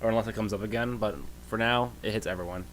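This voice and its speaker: A man narrating as game master of a tabletop game, halting and full of fillers. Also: fairly low pitch, fairly even intonation, a bit bright, a little hiss or hum. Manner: halting, many fillers and restarts.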